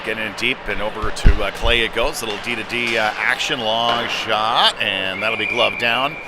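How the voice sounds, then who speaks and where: Clear arena noise sits behind this man's lowish voice as he calls live hockey at a normal speed. A former goaltender, he talks conversationally and lifts into excited calls whenever a big play happens.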